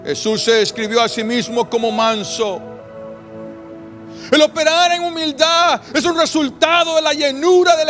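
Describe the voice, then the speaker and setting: A male pastor with a strikingly high voice delivers an emphatic sermon. He weaves in personal stories and leans on long, deliberate pauses. Soft music plays faintly behind him. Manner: storytelling, emphatic, with drawn-out pauses.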